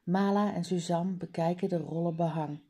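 A woman reading a children's storybook aloud in a clear, deliberate way. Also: fairly low pitch, fairly even intonation, mellow. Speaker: reader.

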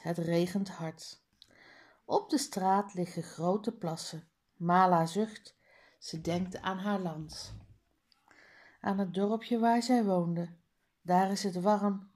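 Lady slowly reading a kids' book out loud, careful, announcing page numbers. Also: medium pitch. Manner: slow, careful, lesson-like reading with word drills. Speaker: reader. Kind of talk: reading a children's book aloud.

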